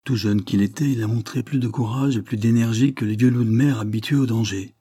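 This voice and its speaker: A man reading the part of an earnest, grateful young gentleman in a classic novel audiobook. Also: mid-range voice, steady tone, a little fast, breathy edge, no room sound, clean studio sound, lightly acted. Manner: earnest, heartfelt.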